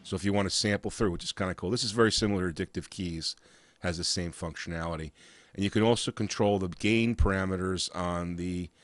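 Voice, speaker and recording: A man with a cold and a raspy voice, walking through software in a casual, halting way with frequent uhs and restarts. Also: deep voice, fairly even intonation, a little hiss or hum. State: has a cold. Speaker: software reviewer. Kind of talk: casual screen-share walkthrough.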